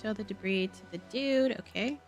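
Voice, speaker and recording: Over game music, a woman with a medium-pitched voice speaks at a moderate pace. She live-streams a game, commentating casually and reading its quest dialogue aloud.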